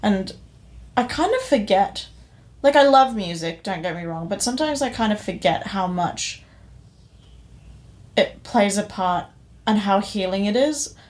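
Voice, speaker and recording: A young Indonesian woman co-hosts a podcast, gushing about a show she watched in a casual, somewhat rambling review chat. Her medium-pitched voice is animated, her pace measured, and she leaves long pauses.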